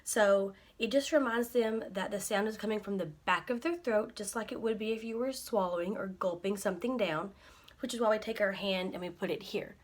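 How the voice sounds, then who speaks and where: A woman's voice: mid-range voice, fairly quick. A young adult woman, a speech-language pathologist, walks through articulation cues in a plain instructional way. She keeps stopping to model the target sounds herself, repeating short syllables so the listener can follow. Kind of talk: instructional explanation.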